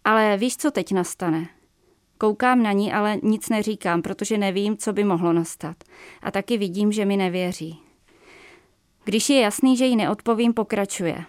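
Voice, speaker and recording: A woman author reading her own novella aloud in a measured, even way, with a few small slips, in a radio studio. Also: medium pitch, no room sound. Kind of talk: reading literary prose aloud.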